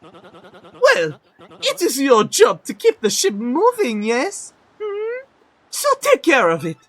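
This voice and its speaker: A man's voice: high-pitched, wildly swooping pitch, measured pace, pushed and bright, breathy edge, pitched above the performer's own voice, full character voice. A man voicing a pompous, boastful male adventurer who talks in a grandiose, theatrical way. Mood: indignant.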